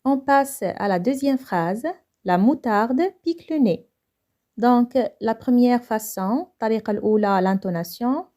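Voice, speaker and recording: A woman's voice: on the high side, moderate pace, dark tone. A young woman with a Moroccan accent teaching a French grammar lesson, who explains each point and then repeats it in Moroccan Arabic.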